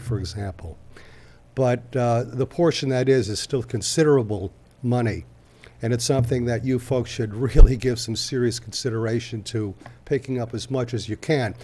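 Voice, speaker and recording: An older man speaks at a council chamber podium microphone in a dark, mellow voice. He talks conversationally, stopping often on filler sounds as he works through his points. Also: mid-range voice. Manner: halting, many filler pauses, conversational. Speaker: public commenter at city council. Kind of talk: public comment speech.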